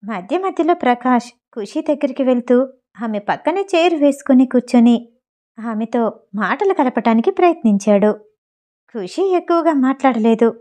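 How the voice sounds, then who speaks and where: A woman reading a romance audio novel in an even, scripted storytelling delivery. Her voice sits high, with a soft, mellow tone rather than a bright one. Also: normal speed. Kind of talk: scripted narration.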